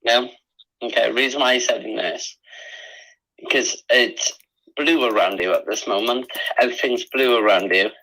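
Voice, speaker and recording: A man working as a spiritualist, giving live psychic readings in an earnest, repetitive, halting conversational way. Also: medium pitch, bright, forceful tone, low-quality recording.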